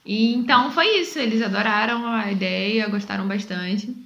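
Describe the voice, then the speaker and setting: A woman's voice: medium pitch, normal speed, a bit bright. A Brazilian woman from Sergipe with a matching accent, chatting as a guest about her small business, with many fillers. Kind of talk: casual recorded interview. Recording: roomy and slightly dull.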